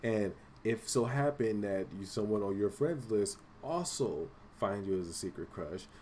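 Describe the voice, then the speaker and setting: A man in his late twenties co-hosts a casual gaming podcast, his voice sitting low. He rambles through his points with plenty of fillers and casual profanity. A faint hiss of noise sits under the recording. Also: animated, normal speed, darkish tone. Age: late 20s. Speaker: podcast co-host. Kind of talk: casual chat.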